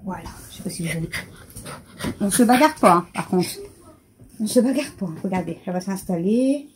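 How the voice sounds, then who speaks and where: A woman's voice: mid-range voice, lively intonation, a little fast. A woman vlogging casually at home, chatting through her shopping and cooing at her pets in a sing-song voice. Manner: chatty, unboxing and listing items aloud. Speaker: family vlogger. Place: at home indoors.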